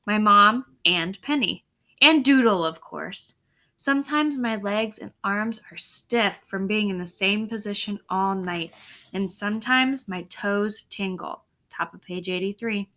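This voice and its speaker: A female teacher reads a story expressively to her class in a bright, forceful, mid-range voice at a measured pace. She adds instructive asides and uses tag questions to make sure the listeners are keeping up.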